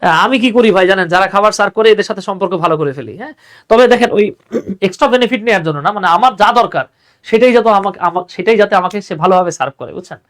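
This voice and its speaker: A man's voice: sits high, expressive, racing, a bit bright. A young man teaches English grammar in an online class, chatty and full of little affirmations. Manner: chatty, repeats "হ্যাঁ", mixes English terms into Bengali.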